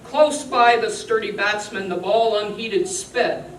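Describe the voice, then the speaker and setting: A woman giving a dramatic live poetry recitation in a theatrical, emphatic, deliberate storytelling delivery. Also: mid-range voice. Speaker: performer giving a dramatic reading. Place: roomy indoor venue, recorded at a distance. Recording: echoey, noisy live room, distant mic.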